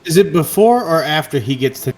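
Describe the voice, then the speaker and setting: A man's voice: a little high, lively intonation, a little fast. A man's voice keeps cutting in and out over an online call as he asks short questions during a tabletop game. Words drop away mid-sentence, so he repeats himself in a plain, casual tone. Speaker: player.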